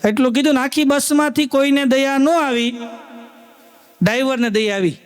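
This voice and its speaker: A man performs live stand-up. His voice sits very high, and he tells homely stories, slipping into the voices of the old people in them. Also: normal speed. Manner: folksy storyteller addressing the audience as sir, acting out old folks. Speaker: stand-up comedian.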